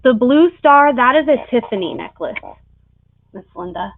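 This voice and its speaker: A woman's voice: a little high, lively intonation, moderate pace, dry recording. A woman working as an auctioneer on a live online sale, presenting items and calling bids. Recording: tinny phone-like sound.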